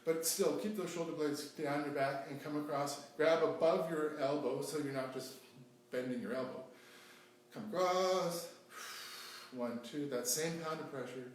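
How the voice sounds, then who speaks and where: A man with a somewhat high voice explains stretching technique while demonstrating it, often pausing and restarting his sentences. He stands away from the microphone in a very echoey room, and a faint hum sits underneath. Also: recorded from a distance. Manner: explanatory, halting with frequent restarts and fillers. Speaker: stretching instructor. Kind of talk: home workout demonstration. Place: home room during self-isolation.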